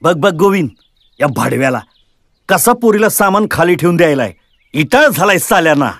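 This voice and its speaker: An arrogant village strongman: loud, contemptuous, dry close sound. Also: a little high, lively intonation, a little fast, dry recording. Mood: scornful. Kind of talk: film acting.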